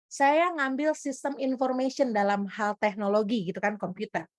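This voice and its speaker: A woman from Indonesia preaching a testimony sermon in a high, bright voice. She tells her story with animated energy and keeps turning to speak straight to the congregation. The sound is dry and close. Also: moderate pace, no echo.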